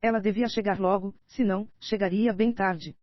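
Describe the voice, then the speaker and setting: A woman's voice: medium pitch, steady tone, moderate pace, dry recording, close to an everyday voice. A Brazilian woman voicing a scheming older nobleman in an audiobook, read steadily in her own voice, slightly dull and dry. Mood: pleading, insistent. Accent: Brazilian Portuguese.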